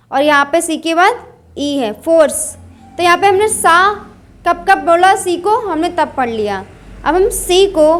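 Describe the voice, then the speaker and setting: A woman with a high-pitched voice gives a methodical pronunciation lesson. She asks a question, then answers it herself. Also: fairly bright tone. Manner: explains step by step, asks and answers her own questions. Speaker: English teacher. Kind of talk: Hindi-medium pronunciation lesson.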